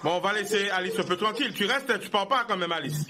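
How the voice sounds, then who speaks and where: A man hosting a live interview, talking emphatically and pushing his voice up toward shouts when he gets indignant. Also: high voice, animated, fast, a little hiss or hum. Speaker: talk show host.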